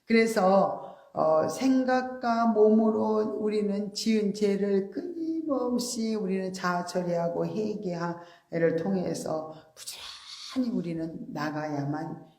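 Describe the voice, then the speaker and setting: A woman's voice: medium pitch, expressive, slow, few pauses. Woman preaching in an echoey church. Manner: earnest explanatory preaching with soft polite endings. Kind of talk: sermon. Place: church sanctuary.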